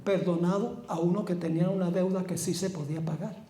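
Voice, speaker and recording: A preacher acting out a stern master in a parable, his voice mellow and dark. He swings from scorn to mercy. The room is echoey. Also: sits high, fairly even intonation, brisk, pitched below the performer's own voice, natural voice. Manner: shifts from scornful to merciful to stern. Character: stern male master of a debtor. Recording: roomy echo.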